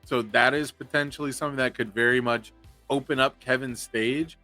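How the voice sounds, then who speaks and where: A man giving live, analytical commentary on a card game tournament, thinking through each possible play out loud. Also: mid-range voice, fairly even intonation, normal speed, dry recording, soft background music.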